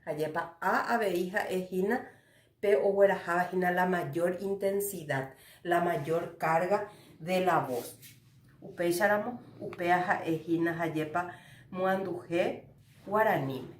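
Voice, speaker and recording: A woman teacher from Paraguay with a Paraguayan accent giving a recorded lecture, talking in a slow, didactic way with frequent tag questions. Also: fairly low pitch, echoey room, a little hiss or hum. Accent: Paraguayan Spanish. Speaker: university Guarani teacher.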